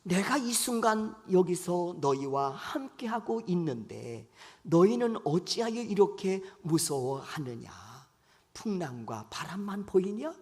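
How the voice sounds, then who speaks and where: A male pastor voicing a gentle divine teacher who speaks soothing, tender words of reassurance during a sermon. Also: high-pitched, sing-song, takes it slowly, full character voice. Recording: long church hall reverb.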